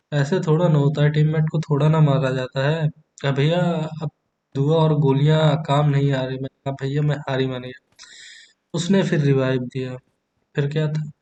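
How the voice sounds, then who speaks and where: A young man hosts a gaming stream, telling his match as a joking story and trading crude banter with teammates. His voice sits a little high but has a soft, mellow tone, picked up on a headset mic while he plays. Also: lo-fi sound. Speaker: gaming YouTuber. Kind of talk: comedic gameplay commentary.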